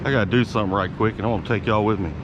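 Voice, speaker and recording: Here a YouTube vlogger talks to camera in rapid-fire bursts, his fairly low voice holding a steady tone while he rambles casually with slang and some cursing. The audio, from an action camera on his hat, has its highs cut off and carries clear background noise from outdoors and vehicles.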